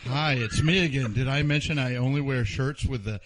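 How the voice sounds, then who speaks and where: A man voicing a male internet troll in his late thirties who lives in his mom's basement, in a spoof ad skit, confessing everything deadpan. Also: mid-range voice, a little fast, noisy background, natural voice. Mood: smug.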